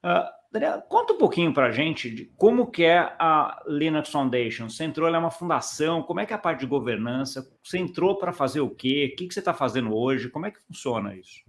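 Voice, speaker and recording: A man's voice: on the high side, very animated, fast talker, hardly any pauses. Man hosting an interview. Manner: friendly, tag questions, frequent restarts. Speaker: interview host.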